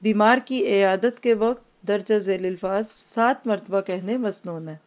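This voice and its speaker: A woman teaching an Islamic lesson, talking in an explanatory way and slipping English words into her speech. She slows down to recite Arabic phrases so her listeners can repeat after her. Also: mid-range voice, darkish tone. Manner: Urdu-Hindi mixed with English words. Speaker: religious teacher.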